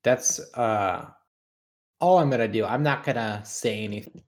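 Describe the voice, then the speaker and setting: A man playing a tabletop game, speaking in a hesitant, halting way. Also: fairly low pitch. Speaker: player. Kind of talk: casual tabletop game chat.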